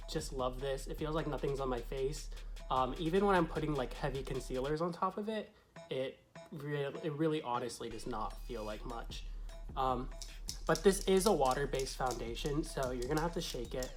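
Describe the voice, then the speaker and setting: Chatty male drag queen vlogger over music. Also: on the high side. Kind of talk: casual tutorial talk to camera.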